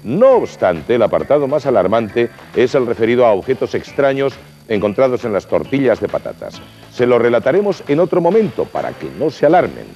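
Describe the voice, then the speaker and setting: A man giving a deadpan, mock-serious comic report. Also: mid-range voice, fairly quick, faint music behind. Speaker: comedian. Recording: dull lo-fi TV audio.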